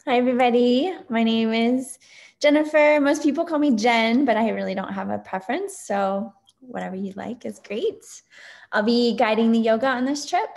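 A woman's voice: fairly high pitch, moderate pace, creaky, darkish tone. A woman yoga instructor from Texas introducing herself casually on a video call, upbeat with fillers. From Texas, United States.

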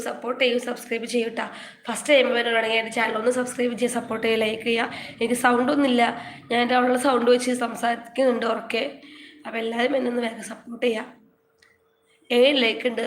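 A Malayali woman live-streaming in a casual chat, her voice hoarse and nearly gone, repeatedly coaxing viewers to like and subscribe. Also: a little high. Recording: echoey room with faint hiss.

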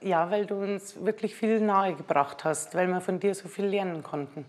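A woman's voice: medium pitch, moderate pace. A woman in her forties who owns a restaurant, speaking earnestly and gratefully. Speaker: restaurant owner. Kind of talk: casual chat. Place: restaurant dining room.

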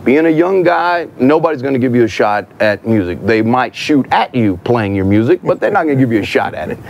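A man's voice: mid-range voice, expressive, a little fast, gravelly, lo-fi sound, slight background noise. A man in his fifties from Mississippi with a Southern accent, a guest musician telling folksy, joking stories in a casual interview on an outdoor porch. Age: 50s.

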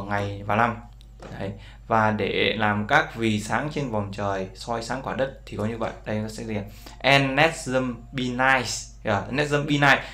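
Teaching English via screen recording, this man explains words while using many fillers and checking in with those watching. His voice has a fairly low pitch and a slightly bright quality.

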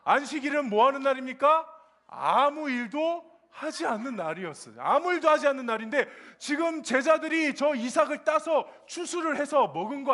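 High-voiced man preaching to children. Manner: lively, asks children questions, acts out quotes. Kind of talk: children's sermon. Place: church children's service.

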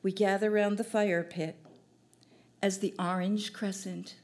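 An older woman reading her own poems at an open mic on a small cafe stage, in a gentle, measured recital into a stand mic. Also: medium pitch, little pitch movement. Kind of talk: poetry reading. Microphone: stand mic at a distance.

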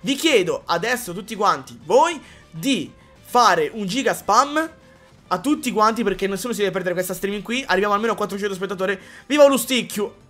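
High-voiced rambling male streamer. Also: fairly quick, faint music behind. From Calabria, Italy. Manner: rambling, excitable, crude joking. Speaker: live streamer. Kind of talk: live stream chat reading.

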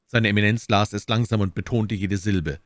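A man reading a classic novel aloud as an audiobook narrator, in an expressive, theatrical style. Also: fairly low pitch, normal speed, no room sound, clean studio sound. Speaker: audiobook reader.

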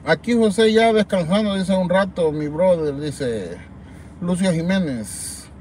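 Unhurried and high-voiced, with a darkish tone, a Salvadoran man rambles animatedly to his viewers during a nighttime live chat from a parked car, reading their comments aloud. He speaks Salvadoran Spanish, and a little hiss or hum runs underneath.

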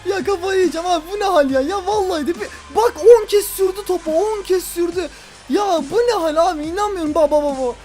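A young man with a high-pitched voice calls out his own football video game match. He grumbles about lag, then bursts into loud, exasperated shouts. Faint music plays underneath. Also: fast talker. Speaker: gaming YouTuber. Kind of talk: live football game commentary.

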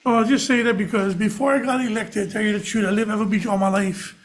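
A man's voice: high voice, steady tone, quick pace. A middle-aged man, a senator, making chatty, informal remarks at a desk microphone in a hearing.

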